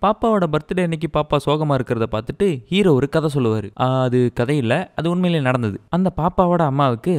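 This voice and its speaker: A man's voice: a little high, lively intonation, fast, hardly any pauses. A man narrating a comedic movie roast in a sarcastic, mocking way. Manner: sarcastic, mocking retelling with voiced quotes. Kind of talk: comedic film roast voice-over.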